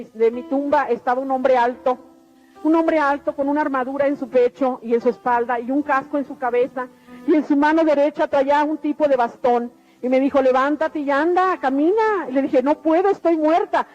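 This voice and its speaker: High-voiced woman giving testimony. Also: steady tone, a little fast, darkish tone. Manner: earnest, repetitive storytelling. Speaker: testimony speaker. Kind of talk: personal religious testimony. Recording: dull lo-fi radio recording with faint music.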